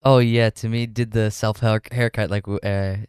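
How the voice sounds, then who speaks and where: A man's voice: lowish voice, level tone, normal speed, darkish tone, clear, resonant tone, dry recording, studio quality. A young man hosting a podcast, chatting in an easygoing way that rambles from point to point. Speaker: podcast host. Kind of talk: casual chat.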